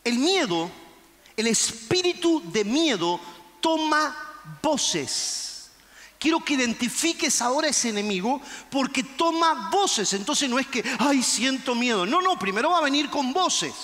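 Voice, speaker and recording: A male pastor preaching a fervent sermon, shouting and acting out the quotes. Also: very high voice, very animated, unhurried, big-room sound. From Argentina.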